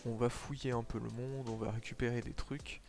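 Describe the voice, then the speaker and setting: This streamer's voice is medium-pitched, level, brisk, a little mellow, with vocal fry. Playing a game live, he talks casually with viewers and explains as he goes, sprinkling in lots of fillers, with faint music behind.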